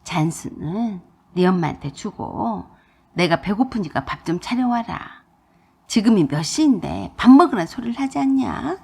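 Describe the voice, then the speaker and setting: A woman voicing a stubborn older mother-in-law who nags loudly and shrilly. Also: lively intonation, moderate pace, creaky, husky. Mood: demanding. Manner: loud, shrill nagging.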